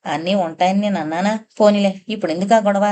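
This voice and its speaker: A woman's voice: medium pitch, steady tone, quick pace, dark tone, lightly acted. A woman reading a teasing young woman. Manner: teasing, lightly mocking. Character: playful teasing young woman, quick-witted. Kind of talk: audiobook character reading.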